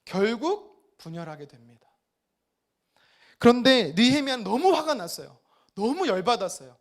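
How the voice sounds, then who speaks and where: A man's voice: very high-pitched, sing-song, normal speed. A male pastor preaching a sermon at a church service, emphatic and often putting questions to the congregation.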